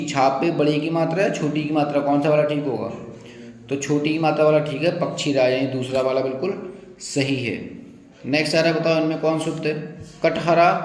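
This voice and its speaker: Male teacher, exam quiz lesson, raised pitch, echoey room with long reverb. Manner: explains, repeats words slowly, asks listener.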